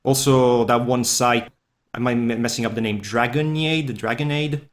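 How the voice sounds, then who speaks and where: A man speaks at normal speed in a steady, mid-range voice. A Swiss Italian accent marks his non-native English, since Italian is his first language. As a furry artist guesting on a podcast, he chats in a casual interview, loose, rambling and self-deprecating.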